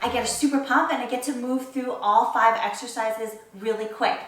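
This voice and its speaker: In a very echoey room with music behind her, a woman who coaches and presents fitness leads a casual workout demo in playful gym-bro hype talk. Her pitch is fairly high and her intonation fairly even, with a moderate pace and a fairly bright tone.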